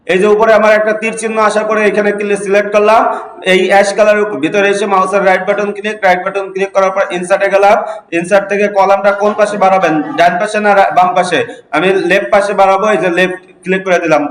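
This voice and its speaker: A high-pitched man leads a computer lesson. He asks the room a question, then answers it himself, step by step. His voice echoes around the classroom.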